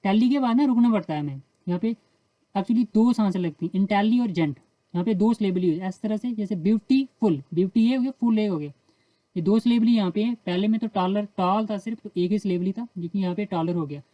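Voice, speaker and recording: A woman with an Indian accent teaching English grammar in Hindi. She explains the rules step by step and reads the English example sentences slowly. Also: mid-range voice, dark tone, dry recording, highs cut off.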